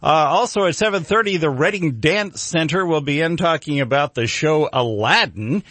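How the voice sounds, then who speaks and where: A man's voice: a little high, normal speed, sharp tone, no room sound. An American man hosting local morning radio in a folksy, rambling, unscripted way. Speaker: local radio show host.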